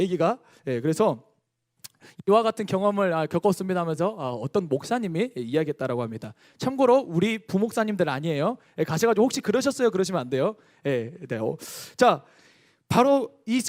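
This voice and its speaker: Animated young male youth pastor. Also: high-pitched. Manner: lively storytelling, quizzing the congregation. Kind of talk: youth sermon.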